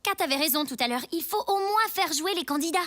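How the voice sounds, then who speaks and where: A woman playing a picky, principled young band member in a cartoon, brisk and judgmental. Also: very high voice, expressive, a bit bright, a little hiss or hum. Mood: exasperated. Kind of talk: French animated cartoon acting.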